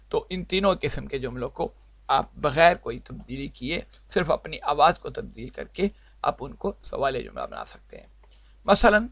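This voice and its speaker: Male language teacher, pitched a bit high, patient and repetitive, dry close-mic lesson recording. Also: vocal fry, a bit bright, dry recording. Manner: explains patiently, repeating points and asking himself questions. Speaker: English teacher.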